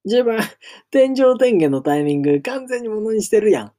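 A man voicing a boisterous male elephant god from a storybook, loud and brash, speaking in Kansai dialect. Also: high-pitched, big pitch swings, normal speed, voice pushed up. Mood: gleeful.

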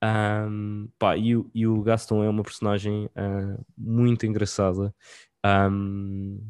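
A man with a European Portuguese accent chats casually on a podcast. His voice sits fairly low and is recorded dry, with hardly any room sound. His wording is informal and full of slang. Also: completely flat delivery, slow pace, a little mellow, clear, resonant tone, no room sound. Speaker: podcast co-host. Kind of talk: casual chat.

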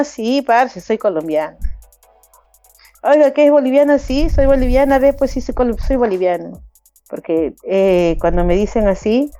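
A woman's voice: mid-range voice, warm tone, dry recording. A woman of about fifty, a community organizer, talking passionately in an interview. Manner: passionate, acts out others' voices with laughter. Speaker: migrant community organizer, guest. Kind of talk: animated interview talk.

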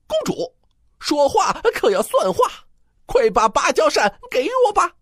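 A woman's voice: sits high, big pitch swings, measured pace, no room sound, studio quality. A woman voicing a cocky, mischievous male monkey king in a children's storybook, boastful and teasing.

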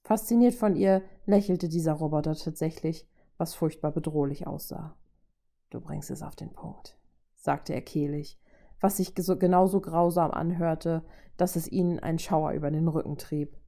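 A woman reading a fan-fiction story aloud in steady narration. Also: deep voice, normal speed. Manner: steady narration with voiced dialogue. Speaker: reader.

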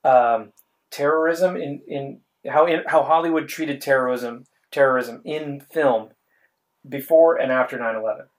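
A man's voice: mid-range voice, unhurried. A man co-hosting a podcast in casual chat, rambling and cutting himself off as he jokes. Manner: rambling, self-interrupting, joking. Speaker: podcast co-host.

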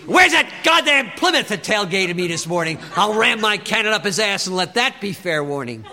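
Man playing reckless 56-year-old tank designer, swaggering trucker talk, bright tone, reverb tail. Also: a little high, lively intonation, moderate pace. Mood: gleeful. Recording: long reverb.

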